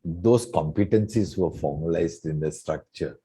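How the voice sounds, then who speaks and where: A man in his sixties from Singapore, a retired coach reflecting in an interview with many soft fillers. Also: sits low, measured pace, husky. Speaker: guest coach. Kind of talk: relaxed interview conversation.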